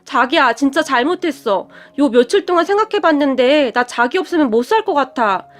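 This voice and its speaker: A woman's voice: high-pitched, expressive, brisk. A woman voicing a young husband who blusters and whines. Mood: meek pleading. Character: blustering young husband, hotheaded then pleading.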